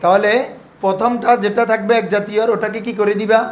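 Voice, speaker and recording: This Arabic grammar and Quran recitation teacher speaks fairly quickly in a level, high-sitting voice. He quizzes his class, putting the same questions to the pupils repeatedly so they respond aloud.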